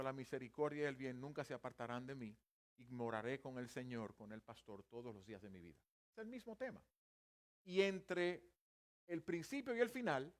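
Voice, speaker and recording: Guy preaching a sermon, kinda high voice, slows way down on the big points. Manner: teaching, explanatory, slows to stress key phrases. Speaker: pastor.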